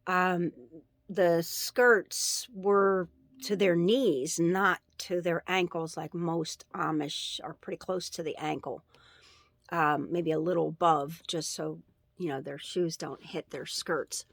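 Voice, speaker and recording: A woman recounting a dream in a casual religious testimony, halting and earnest, with many fillers and pauses. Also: fairly low pitch, steady tone, gravelly, dry recording, studio quality. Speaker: vlogger sharing a dream.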